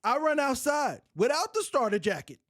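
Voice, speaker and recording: A woman's voice: high voice, normal speed, dry recording, clean studio sound. A woman hosting a podcast, telling a wild story in casual chat, swearing freely and laughing partway through. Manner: profane, animated storyteller who laughs mid-story. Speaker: podcast host.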